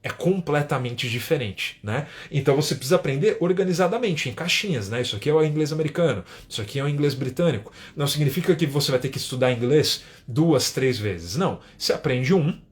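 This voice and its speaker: A man's voice: fairly high pitch, animated, quick pace, few pauses. A man from Brazil with a São Paulo accent, teaching English in a live stream and talking casually, often tagging his sentences with little checks for agreement. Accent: São Paulo Portuguese. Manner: chatty, keeps adding tag questions.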